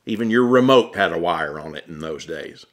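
With a low-pitched voice, lively intonation and normal pace, an American man from Atlanta reads his memoir as an audiobook. He tells it wryly and conversationally, as scripted first-person memoir narration.

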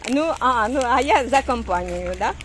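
Sing-song elderly grandmother, high and lively. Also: normal speed, heavy background noise. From Ukraine. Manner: sing-song coaxing baby talk with a toddler. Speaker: vlogger grandmother. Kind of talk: casual home vlog. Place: home with family.

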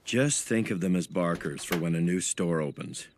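Actor as deep, deadpan anime band leader. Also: male voice, moderate pace, a little hiss or hum, close to an everyday voice. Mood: dry, unruffled. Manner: deadpan, dry. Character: unflappable, dry-witted young male band leader. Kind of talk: English anime dub acting.

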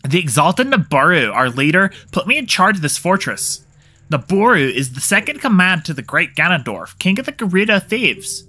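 A man's voice: sits high, big pitch swings, normal speed, bright, forceful tone, heavily acted. A man doing a Valley Girl thief guard. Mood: haughty. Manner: mock Valley Girl reading of game text. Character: proud female desert thief guard, Valley Girl-ish.

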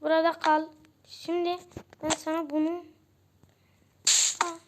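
A young girl narrating her gameplay casually for a video channel, constantly addressing her viewers as friends. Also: extremely high pitch. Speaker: gaming channel host. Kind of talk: casual game commentary. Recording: loud background noise.

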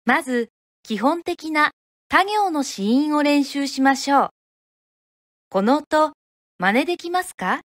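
A woman from Japan teaches pronunciation in a high, light voice, spacing her words out slowly. She models each sound carefully and deliberately. The recording is dry and close, with no room sound. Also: animated, no room sound. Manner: clear, deliberate, demonstrates sounds syllable by syllable.

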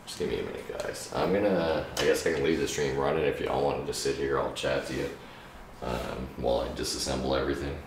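A tired man with a raspy voice, casually chatting and rambling through a late-night live stream from his room at home. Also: rumbling low, fairly even intonation, fairly quick, roomy sound, far from the mic, noisy background. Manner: laid-back, rambling, swears casually. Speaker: game streamer.

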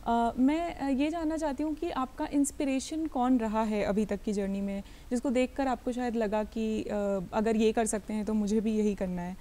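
A woman hosting a broadcast interview, asking long, measured questions. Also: a little high, fairly even intonation, dark tone. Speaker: TV interview host.

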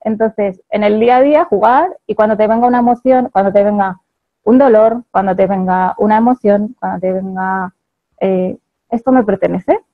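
A woman's voice: medium pitch, fairly even intonation, normal speed, phone-quality sound. A woman with a Spain Spanish accent giving a chatty motivational talk to an audience, laughing often and checking in with her listeners.

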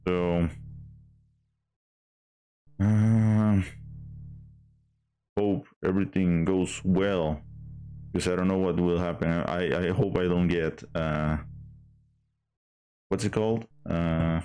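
A man's voice: sits low, steady tone, slow pace, long pauses, dark tone, smooth, soft background music. A man streaming a game in casual chat, hesitant with many fillers and restarts.

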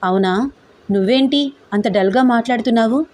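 A woman reading an audio story, voicing an affectionate young female college student who speaks softly and pleadingly. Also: a little high, moderate pace, natural voice.

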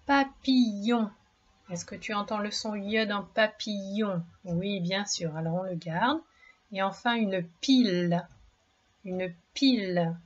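A woman guides young children through a reading lesson at a very unhurried pace, drawing out each word and syllable with patient encouragement. Her mid-pitched voice comes through a slightly dull, lo-fi recording. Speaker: primary school reading teacher.

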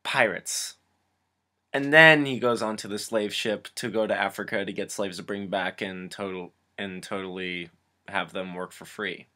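Bright-voiced, sarcastic young male reviewer. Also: lowish voice, fairly even intonation, normal speed. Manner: rambling and sarcastic, with frequent restarts. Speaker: film reviewer. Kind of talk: casual film review.

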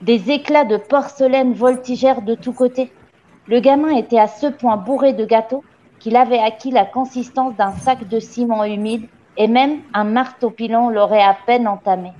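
A woman reading a children's novel aloud in a steady, expressive storytelling manner. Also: fairly high pitch, normal speed. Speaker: reader. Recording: dull lo-fi audio.

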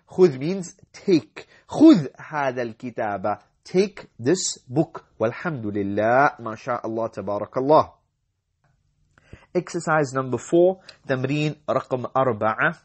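A male teacher giving an Arabic grammar lesson in a slow, measured voice. He says each word, repeats it, then gives its meaning. His pitch is mid-range and his manner is patient. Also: expressive, a little mellow. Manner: reads Arabic sentences, then translates them into English and explains the grammar. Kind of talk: language lesson.

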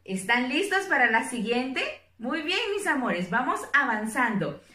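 Woman, children's teacher; slow, lively sing-song delivery, echoey room. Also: high-pitched, recorded from a distance. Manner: slow, sing-song, encouraging teacher talk with drawn-out syllables. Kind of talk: children's phonics lesson. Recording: roomy echo, a bit off-mic.

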